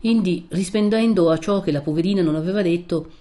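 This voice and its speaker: A woman narrating a literary audiobook in a measured, expressive way. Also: on the low side.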